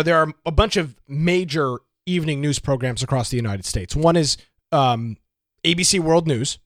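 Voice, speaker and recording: A man's voice: on the high side, fairly bright tone, no echo, clean studio sound. A man hosting a political talk show, delivering opinionated commentary with many rhetorical questions.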